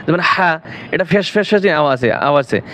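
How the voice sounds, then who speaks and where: A man with a Bangladeshi Bengali accent teaching Quran recitation, spelling out letters syllable by syllable and drawing recited words out slowly, often asking and answering his own questions. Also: a little high, expressive, fairly bright tone, slight background noise. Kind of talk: slow spelling-out Quran lesson.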